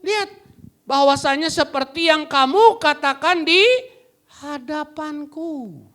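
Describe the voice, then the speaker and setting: A male pastor preaching a lively sermon, swinging between loud exclamations and quiet asides and acting out quotes. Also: very high voice, slow pace. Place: church service.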